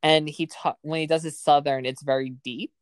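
A woman's voice: low-pitched, fairly even intonation, normal speed, dry recording. A woman hosting a casual podcast, chatting about a film and filling her talk with "like". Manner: chatty, heavy use of "like". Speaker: podcast host. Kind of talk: casual film review chat.

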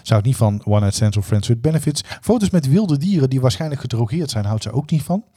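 Dry-toned Dutch podcast man, mellow voice. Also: medium pitch, animated, fast, slightly rough. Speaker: podcast co-host. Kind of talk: casual chat.

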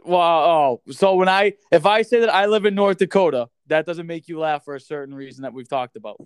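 Guy on a podcast, smooth clear voice, kinda high, dry close mic, swears a lot. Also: brisk, dry recording. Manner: swears casually, tells stories with lively quoted asides. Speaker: podcast co-host. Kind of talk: casual podcast chat.

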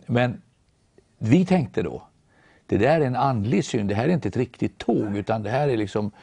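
Man, Norwegian native, gravelly, dark low voice, testimony, dry sound. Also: no room sound. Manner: animated storytelling, voices others in quotes. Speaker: guest storyteller.

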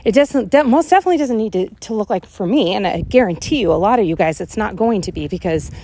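A woman in her forties hosting a casual walk-and-talk monologue, thinking out loud with lots of fillers as she strolls around her neighborhood. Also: mid-range voice, quick pace, slight background noise. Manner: rambling, animated, thinks out loud with many fillers. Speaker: podcast host. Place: walking outdoors around a neighborhood.

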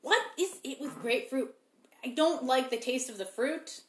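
A woman's voice: sits high, expressive, moderate pace. A young woman co-hosting a casual chat over beers at home, rambling and laughing as she talks. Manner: rambling, laughing, self-interrupting. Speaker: podcast co-host. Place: living room at home. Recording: echoey room.

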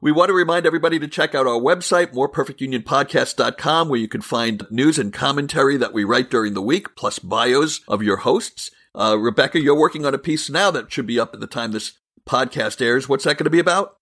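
Ranting moderate podcast host, bright voice. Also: male voice, mid-range voice, a little fast, hardly any pauses. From California. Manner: animated, ranting, chuckles often. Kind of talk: casual political debate chat.

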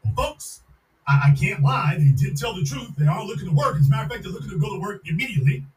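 A man with a high, expressive voice talks fast while hosting a live-stream podcast. He rants emphatically and repeats slogans mockingly, and the sound is roomy from a distant mic.

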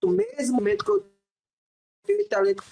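A man's voice: extremely high pitch, sing-song, moderate pace, vocal fry. Man on a choppy, cutting-out call. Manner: slangy street talk, keeps addressing the listener. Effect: choppy, cutting-out video-call audio. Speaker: guest telling his story. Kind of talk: casual podcast storytelling over a call.

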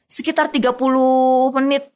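A woman telling a field-reporting story in conversation, animatedly acting out the voices she quotes. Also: moderate pace. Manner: animated, acts out quoted voices with big pitch jumps.

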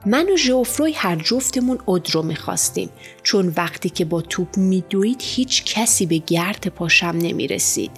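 A woman narrating a children's storybook in the first person as a schoolboy, with lively, expressive storytelling. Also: fairly low pitch. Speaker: audiobook narrator. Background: faint music.

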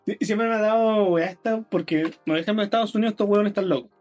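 A man's voice: sits high, quick pace, a little mellow, soft background music. A man with a Chilean accent chatting casually, rambling and swearing often on a podcast.

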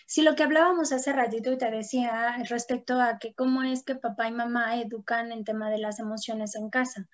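Female psychologist, high voice, talkative, lo-fi sound. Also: fairly even intonation, fairly quick, hardly any pauses. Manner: talkative, acts out quoted voices, frequent "¿no?". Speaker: psychologist guest. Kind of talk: conversational explanation with anecdotes. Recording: dull lo-fi sound.

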